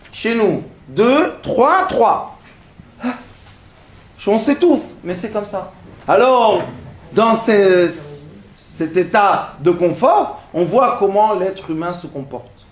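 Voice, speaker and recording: A man teaching a religious lesson to an audience, acting out little everyday scenes with animated, laughing delivery. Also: high voice, echoey room. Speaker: rabbi teaching a class. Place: classroom.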